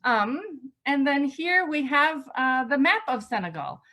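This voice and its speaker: A woman's voice: sits high, expressive, measured pace, pushed and bright. A woman pastor hosting an online presentation, explaining informally with many fillers over a video call. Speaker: pastor and program coordinator, host.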